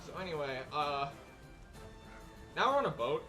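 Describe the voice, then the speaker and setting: A man's voice: a little high, sing-song, moderate pace, pushed and bright. Slangy young man running a speedrun. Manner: casual and slangy, joking. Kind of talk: live gameplay commentary. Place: speedrun event stream. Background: game music and sound effects.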